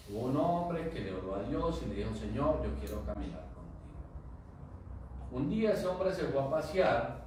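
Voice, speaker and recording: A man's voice: mid-range voice, a little mellow, a little hiss or hum. A man pastor preaching a sermon to his congregation, asking them questions and drawing replies. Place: church hall. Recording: echoey church hall from far off.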